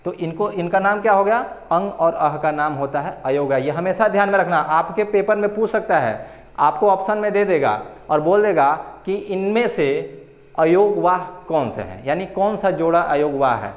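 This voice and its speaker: Young male tutor, slightly high voice, patient and repetitive, exam-prep lecture delivery. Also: animated, reverberant. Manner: patient, repeats key terms slowly, asks and answers own questions. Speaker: teacher. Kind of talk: exam-prep Hindi grammar lesson.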